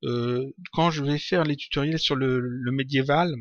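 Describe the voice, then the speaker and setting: A man answering viewer questions in a casual software tutorial, talking hesitantly with many fillers and restarts. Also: mid-range voice, steady tone, a little slow, highs cut off. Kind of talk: casual screen-recorded Q&A.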